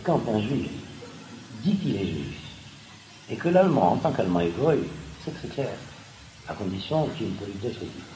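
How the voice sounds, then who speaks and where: A man giving a lively seminar lecture, pausing with frequent asides and restarts. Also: lowish voice. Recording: echoey room with background noise.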